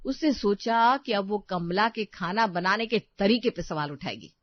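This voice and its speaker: A woman's voice: mid-range voice, animated, measured pace, dry recording, dull audio. Woman narrating a cartoon story.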